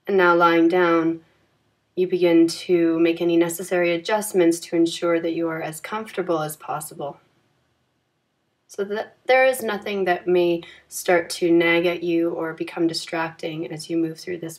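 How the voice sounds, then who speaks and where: A woman's fairly low voice leads a yoga nidra meditation, gentle and calm in manner, soothing listeners with unhurried phrasing.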